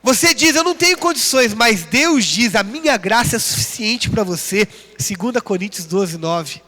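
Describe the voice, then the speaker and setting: Man preaching a sermon, Brazilian Portuguese accent, high voice, emphatic rising delivery, long church hall reverb. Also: lively intonation, normal speed, pushed and bright. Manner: rising emphatic call-and-response preaching, reading scripture references. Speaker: pastor.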